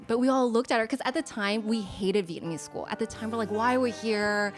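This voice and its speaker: A woman's voice: a little high, quick pace, soft background music. A woman in her twenties from the United States, a guest in a casual chat, speaking in an earnest, reflective and encouraging way. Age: 20s.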